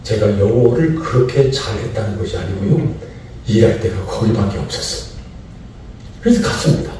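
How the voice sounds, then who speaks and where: A man's voice: lowish voice, expressive, moderate pace, dark tone, recorded from a distance, a little hiss or hum. A middle-aged man from Chungcheong, Korea, preaching to pastors at a seminar. He repeats key phrases and asks rhetorical questions. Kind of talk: sermon-style lecture. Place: large church sanctuary. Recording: echoey church hall, mic from afar.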